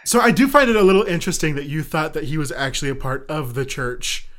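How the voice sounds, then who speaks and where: A man's voice: a little high, fast talker, a bit bright. A man co-hosting a casual podcast chat, teasing and arguing his point with frequent laughs. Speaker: podcast co-host.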